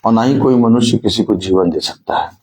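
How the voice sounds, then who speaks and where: A man's voice: on the low side, a little fast, darkish tone, rough recording. A male preacher delivering a sermon, repeatedly putting rhetorical questions to his congregation and drawing call-and-response answers.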